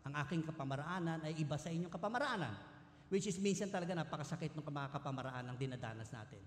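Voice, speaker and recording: A man's voice: on the high side, expressive, fast talker, slight background noise. Earnest Filipino man preaching in a hall. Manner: mixes Tagalog and English, earnest, rising and falling emphasis. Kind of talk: sermon. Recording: echoey hall with long reverb.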